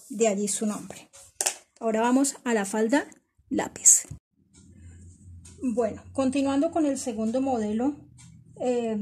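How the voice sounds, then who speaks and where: With a faint hiss or hum in the background, a high-voiced middle-aged woman walks her pattern-making class through each step with patience. She repeats measurements as she goes and affectionately addresses the students as "my girls."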